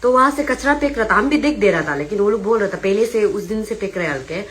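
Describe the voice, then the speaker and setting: A woman's voice: medium pitch, animated, quick pace, fairly bright tone. A young woman with an Arunachal Pradesh accent, giving an agitated, insistent eyewitness account to reporters and retelling the dispute with quoted dialogue.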